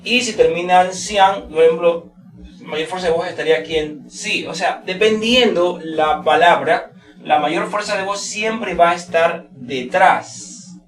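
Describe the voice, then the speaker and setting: A man giving a pronunciation lesson in a casual teaching manner, repeating example words slowly to show stress. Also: on the high side, reverberant, recorded from a distance, poor audio. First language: Spanish. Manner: slow, drawn-out model words repeated for stress. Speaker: English teacher.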